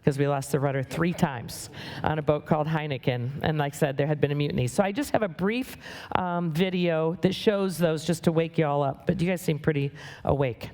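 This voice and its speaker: A middle-aged woman from the United States giving a conference talk to an audience, brisk, wry and plain-spoken. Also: deep voice, warm tone. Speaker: guest speaker. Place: conference hall.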